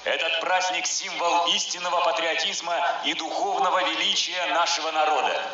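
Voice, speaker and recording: A man's voice: on the high side, fairly even intonation, moderate pace. Echoing, solemn male parade announcer. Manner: solemn, declamatory. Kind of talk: formal ceremonial announcement, reading a military order. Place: large outdoor square at a parade. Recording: echoing outdoor loudspeakers, distant, noisy, dull.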